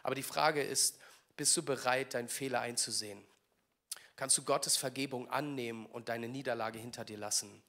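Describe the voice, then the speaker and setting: A man delivers a sermon in a church livestream. His mid-pitched voice is earnest and encouraging, and he speaks directly to the people listening. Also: steady tone, moderate pace, a bit bright. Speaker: preacher.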